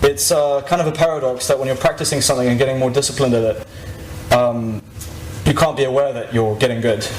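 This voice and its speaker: A man's voice: medium pitch, steady tone, brisk, roomy sound, a little hiss or hum, poor audio. A 21-year-old man giving an informal, reflective podium speech to an audience, with some hesitancy. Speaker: activist giving a talk. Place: live event stage before an audience.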